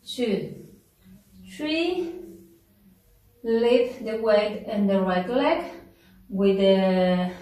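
A woman's voice: mid-range voice, a little mellow. A woman teaching a dance class, counting steps and giving cues in a room with no mirror. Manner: counts steps aloud and switches between Spanish and English. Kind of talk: online dance class instruction. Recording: roomy echo, mic far off.

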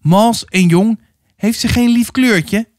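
A man voicing a crude young male cattle driver who jeers and shouts in a storybook reading. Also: mid-range voice, big pitch swings, a little slow, dry recording, clean studio sound. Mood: leering. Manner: jeering, shouting coarsely.

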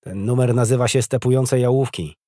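A man's voice: mid-range voice, brisk, dark tone, no room sound, pitched above the performer's own voice, lightly acted. A man voicing a cold, commanding young prince who speaks curtly with dry authority. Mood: dryly mocking.

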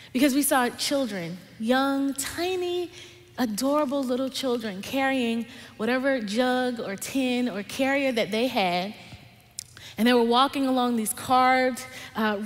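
A young adult woman giving a conversational, dynamic sermon as a guest speaker, dropping to soft emphasis on key words. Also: a little high. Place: large church stage with lights and screens. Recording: long hall reverb from a big auditorium.

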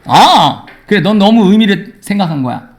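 Man, English grammar teacher, high voice, very animated pitch, teasing manner, classroom. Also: normal speed. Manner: lively, teasing, banters with students.

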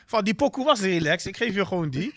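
Male podcast host, frank and casual, fast high delivery, dry close mic. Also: very animated, a bit bright, no echo. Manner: frank, keeps saying he is being honest.

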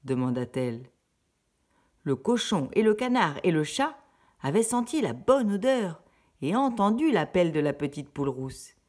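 A woman reading a storybook to children in a slow, expressive, singsong way. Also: on the low side.

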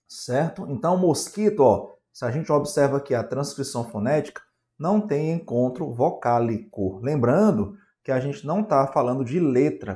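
Brazilian man, exam-prep teacher, warm mellow tone, lecturing, frequent tag questions. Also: medium pitch. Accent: Brazilian Portuguese. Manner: asks questions in a student's voice and answers them himself, with frequent tag questions. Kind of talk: classroom grammar lecture.

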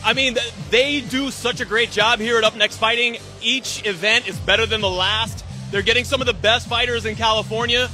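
A very high-pitched man with a forceful, bright voice talks in an excited, projected way as a guest in an event interview. Faint music plays behind him. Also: moderate pace. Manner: upbeat, projected, hyped. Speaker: ring announcer being interviewed. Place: large event hall by a fight cage stage, indoors. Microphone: handheld interview mic held to him.

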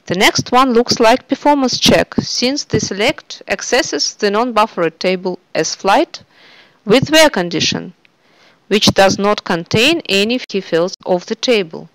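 Woman, screencast narrator, even instructional read, dry close mic. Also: mid-range voice, measured pace, no room sound, rough recording. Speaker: software tutorial presenter.

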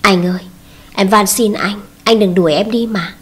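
A woman's voice: mid-range voice, fairly even intonation, moderate pace, husky, close to an everyday voice. A woman voicing a young wife who pleads tearfully with her husband for forgiveness, read as a storybook scene. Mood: pleading.

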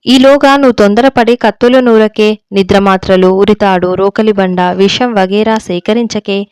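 A woman's voice: mid-range voice, fairly even intonation, moderate pace, a little mellow, clear, resonant tone, no room sound, natural voice. A woman voicing a timid, anxious young wife who pleads with her friend in a storybook reading.

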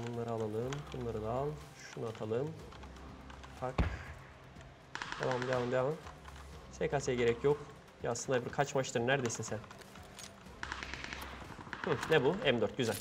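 A man giving chatty, excitable live commentary on his own gameplay, laughing often, on a gaming headset. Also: mid-range voice, noisy background. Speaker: guest gamer.

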